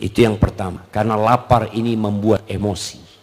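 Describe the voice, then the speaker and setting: A male Indonesian preacher giving an animated sermon with questions and answers, acting out wives and husbands and dropping in Arabic phrases. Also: on the low side, normal speed. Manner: animated, acts out wives and husbands in quoted voices; mixes Arabic phrases into his talk.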